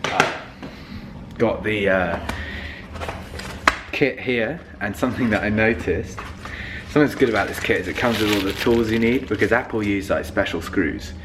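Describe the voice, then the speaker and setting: A man's voice: fairly low pitch, moderate pace, background noise. A young man, chatting casually to camera in a rambling, filler-heavy vlog. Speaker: vlogger.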